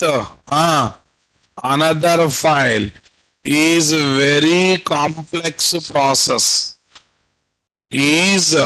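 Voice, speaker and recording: A man with a Telugu Indian accent teaches programming online. His voice sits a little high and he speaks very slowly, as if dictating notes. He repeats phrases and keeps prompting his students with questions. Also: a bit bright, rough recording. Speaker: programming instructor. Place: indoor room at a computer, video call.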